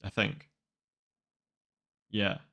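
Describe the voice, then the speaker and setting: A man's voice: very slow, pushed and bright. A twenty-year-old man chatting casually and wryly to a live-stream audience, rambling and exasperated. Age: 20s. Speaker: manga reaction streamer.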